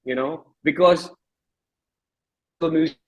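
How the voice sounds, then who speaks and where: An Indian-accented man in his thirties speaks candidly and reflectively as an interview guest, often stopping to rephrase his thoughts. His voice is a little high, and the audio quality is poor.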